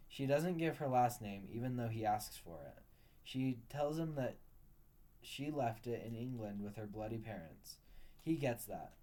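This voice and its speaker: Male storyteller, warm low-brightness tone, steady read-aloud delivery. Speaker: narrator.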